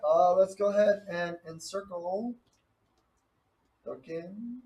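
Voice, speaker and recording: A man's voice: sits high, takes it slowly, mellow. A man acting as game master, narrating moves and calling out dice results in an informal, chatty way. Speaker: game master of a tabletop RPG. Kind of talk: casual tabletop game narration and rules talk. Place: echoey room. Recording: roomy, distant mic with faint noise.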